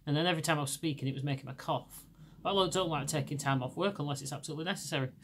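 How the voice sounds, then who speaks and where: A middle-aged Englishwoman with a Lancashire accent hosts a podcast in a casual, chatty way. Her voice, deep by nature, is still hoarse from laryngitis, and she rambles and restarts often. She talks at a racing clip with a fairly bright tone over slight background noise.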